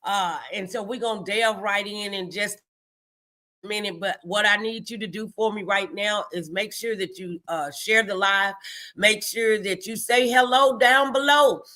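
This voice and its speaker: An American woman hosts a motivational morning live show, speaking in a medium-pitched, pushed and bright voice at a moderate pace. Her delivery is emphatic, encouraging and faith-filled, and she repeats phrases for effect.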